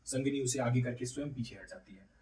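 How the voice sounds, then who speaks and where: A man reading a play aloud, narrating its stage directions in a steady, even way. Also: medium pitch, brisk. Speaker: reader. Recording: roomy, distant from mic.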